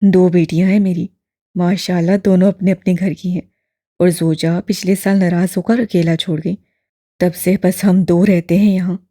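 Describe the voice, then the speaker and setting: An elderly male imam, kind and unhurried, voiced by a woman reading an audiobook. He speaks in a steady, fatherly tone, low and dark with a husky edge, and sits close and dry on the mic. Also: dry recording, close to an everyday voice. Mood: gentle. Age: older. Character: kindly elderly male mosque imam, calm and patient.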